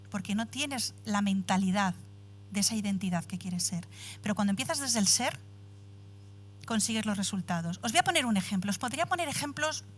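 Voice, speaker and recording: A woman's voice: on the high side, slight background noise. A woman in her forties giving a motivational talk, addressing the audience directly and telling a personal story with acted-out dialogue. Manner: animated storytelling, acts out dialogue. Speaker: speaker at a women's empowerment event.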